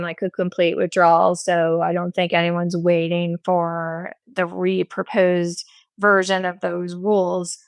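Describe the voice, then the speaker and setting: Chatty middle-aged woman with a gravelly edge. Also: mid-range voice, no room sound. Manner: casual and chatty, wry asides. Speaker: podcast co-host. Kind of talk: conversational podcast chat.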